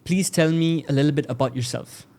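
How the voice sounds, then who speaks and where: A man hosting an interview podcast, upbeat and quick with short encouraging reactions. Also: a little high, a little mellow. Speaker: podcast host.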